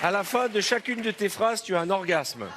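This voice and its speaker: A man's voice: high-pitched, brisk, over a noisy crowd, heavy background noise. A man giving the rules of an improv game, amused and directing the players. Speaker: game leader.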